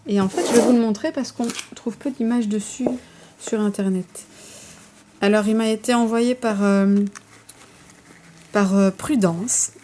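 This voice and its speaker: Woman vlogger, mellow, hesitant and chatty; faint noise behind. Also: medium pitch. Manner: chatty, hesitant, many fillers and self-corrections. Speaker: vlogger showing her tarot collection. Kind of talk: casual show-and-tell.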